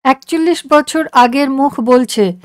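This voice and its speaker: A woman reading a literary story aloud in a measured, reflective and expressive way. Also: high voice, no room sound. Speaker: story reader.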